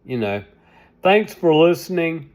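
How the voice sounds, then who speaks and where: Slow, rambling seventy-year-old man. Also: fairly high pitch, big pitch swings, a little mellow. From United States. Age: 70s. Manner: rambling, complaining, repeating himself. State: sleepy and tired. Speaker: vlogger. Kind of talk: casual vlog monologue.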